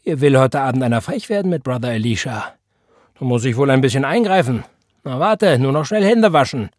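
A big, strong teenage boy, as a male narrator puts him on, loud and mockingly bossy with mock threats. The voice is lifted above the reader's own, a little husky and very dry. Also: medium pitch, big pitch swings, moderate pace, no echo. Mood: teasing. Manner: teasing mock threats, raised voice.

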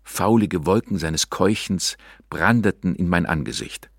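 A man's voice: low voice, animated, a little slow, gravelly, slightly rough, no echo, studio quality. A man reading a novel aloud in a dramatic, theatrical way. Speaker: narrator. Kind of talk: scripted audiobook narration.

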